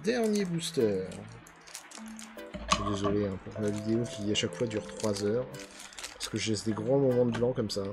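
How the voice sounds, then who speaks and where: A man's voice: lowish voice, lively intonation, normal speed, long pauses, over music. A man hosting a card unboxing in casual commentary, chatty and grumbling with a mock-angry edge.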